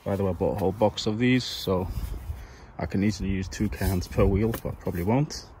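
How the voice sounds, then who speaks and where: Guy with a lowish voice chatting while he fixes up his car, relaxed and easygoing. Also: brisk, background noise. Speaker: car vlogger. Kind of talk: casual DIY vlog narration.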